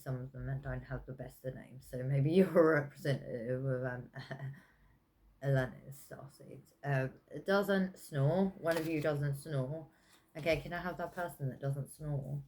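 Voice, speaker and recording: A woman with a low voice gives a casual pick-a-pile tarot reading. She talks slowly and meanders, full of ums and self-corrections. Her delivery is chatty, with soft laughs. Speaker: tarot reader.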